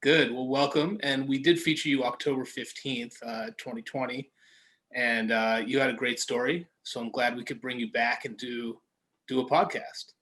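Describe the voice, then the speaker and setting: A man's voice: mid-range voice, fairly even intonation, moderate pace, a bit bright. Enthusiastic male podcast host. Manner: enthusiastic, encouraging interviewer. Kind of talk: casual interview chat.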